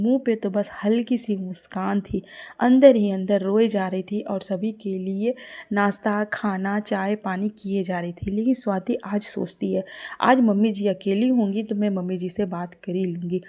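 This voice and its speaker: A woman narrating a cartoon moral story in a sympathetic, expressive way. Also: mid-range voice.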